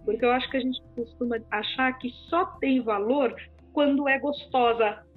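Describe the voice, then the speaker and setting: Guesting on a podcast, this Brazilian Portuguese-accented speech therapist talks about empathy and communication, lively and occasionally performing the voices of people she quotes. Her voice sits high with a husky edge, at a moderate pace. Faint music plays under the phone-like, lo-fi sound.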